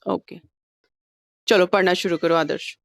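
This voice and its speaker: A woman's voice: fairly low pitch, steady tone, measured pace, gravelly, dry recording. A woman teaching an online class, patient and coaxing with her students, mixing English terms into her talk over a video call. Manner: mixes Hindi with English terms.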